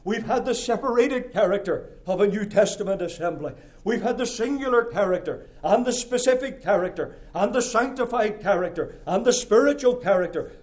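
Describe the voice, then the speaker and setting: A middle-aged man delivers a sermon in a notably high voice for a man. He preaches in emphatic, rhythmic phrases, building to loud declarations and then dropping to soft, confiding asides. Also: lively intonation, normal speed, hardly any pauses. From Nova Scotia, Canada.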